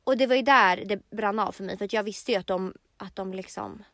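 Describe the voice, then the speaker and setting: A young woman co-hosting a podcast, telling a dramatic story in casual chat and acting out quotes loudly. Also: medium pitch, no echo. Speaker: podcast co-host.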